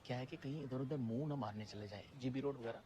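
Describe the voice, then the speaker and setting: An actor playing a meddling neighbour who gives crude advice in a sly, insinuating way. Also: male voice, medium pitch, fast, warm tone, slight background noise, natural voice. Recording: film scene with clear music.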